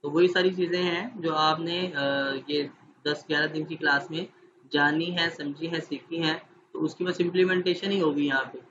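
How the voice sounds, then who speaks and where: A man's voice: a little high, fairly even intonation, highs cut off, background noise. A man training teachers in an online class, explaining steps patiently and often checking that his listeners follow.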